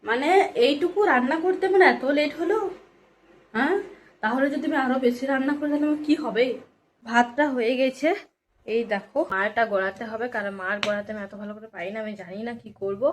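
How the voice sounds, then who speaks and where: A woman's voice: on the high side, a little fast, a little hiss or hum. A young woman chatting playfully while she cooks in her home kitchen for a vlog, speaking into a phone camera. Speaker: vlogger. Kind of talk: casual cooking vlog.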